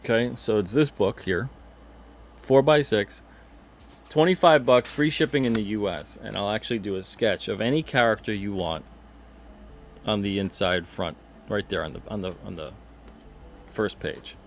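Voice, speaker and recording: A man hosts a casual livestream in a relaxed, rambling way, often repeating his own phrases. His voice sits on the lower side for a man. He talks straight into a desk mic. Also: moderate pace, long pauses, slight background noise. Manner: chatty, rambling, repeats himself, reads chat comments aloud. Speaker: podcast host and comic publisher.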